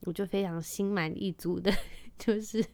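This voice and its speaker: A woman, a mother telling stories to her vlog audience in a lively, chatty way and mixing in English phrases. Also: medium pitch, normal speed, no echo. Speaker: vlogger and mother. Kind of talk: casual chatty monologue.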